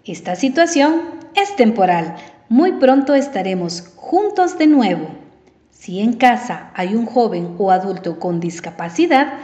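A woman teaches in a slow, deliberate way, stretching out each example word syllable by syllable. Her voice sits a little high and moves up and down a great deal. The recording is roomy and slightly dull. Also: dark tone. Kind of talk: slow televised language lesson.

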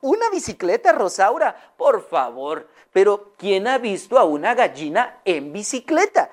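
A woman's voice: medium pitch, sing-song, unhurried, a little mellow. A woman voicing a kind, doting older woman who coaxes her pet hen with sweet, affectionate words. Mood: incredulous.

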